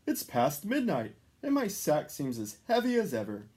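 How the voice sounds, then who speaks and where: A man voicing a hearty, jolly old Santa for a children's storybook, with booming, drawn-out exclamations. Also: wildly swooping pitch, a little mellow. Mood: weary sigh. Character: jolly, hearty old male Santa Claus, cheerfully reassuring.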